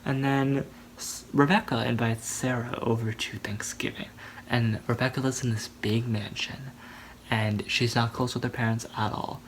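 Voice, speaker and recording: A man in a casual movie recap rambles through the plot with many fillers. His voice is mid-pitched, with faint noise behind it. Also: steady tone, normal speed, low-quality recording. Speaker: movie reviewer vlogger.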